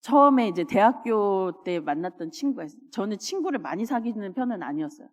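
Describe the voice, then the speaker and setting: A woman pastor preaching a sermon, telling personal stories with animated delivery and acting out scenes. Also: mid-range voice. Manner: animated storytelling, acts out scenes. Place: church sanctuary. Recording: long church reverb.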